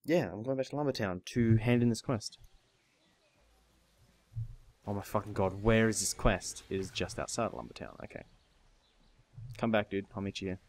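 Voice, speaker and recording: Low-voiced man cursing through a game. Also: animated, normal speed, pauses often, a little mellow. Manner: swears freely, laughs often, reads game text aloud. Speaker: gamer host. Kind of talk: casual gaming commentary.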